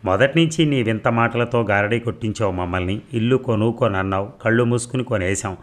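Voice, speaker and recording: A man's voice: fairly low pitch, fairly quick, lightly acted. A man voicing a furious, wronged wife who fiercely accuses the man who cheated her family. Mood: accusing.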